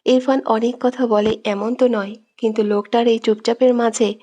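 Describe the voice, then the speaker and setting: A woman storyteller narrating a romantic audio story with expressive, dramatic delivery. Her voice sits a little high. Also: moderate pace.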